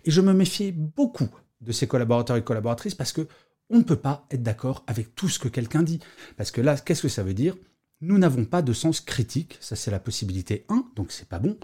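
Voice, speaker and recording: A man's voice: medium pitch, sing-song, a little fast, dark tone, slightly rough. A middle-aged man hosting a solo podcast about work life, talking conversationally and explaining with asides. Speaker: podcast host.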